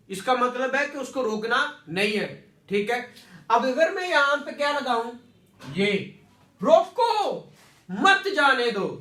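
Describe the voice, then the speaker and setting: A man's voice: very high voice, pushed and bright. A man teaching a classroom lecture, repeating words and quizzing students with questions. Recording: echoey room, distant mic.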